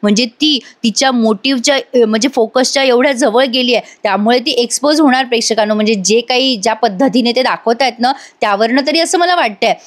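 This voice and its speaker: A woman with a slightly high voice recaps a TV serial in a chatty, conversational way. She speaks straight to her viewers and adds opinionated asides as she goes. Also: quick pace, few pauses. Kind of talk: casual spoken retelling with commentary.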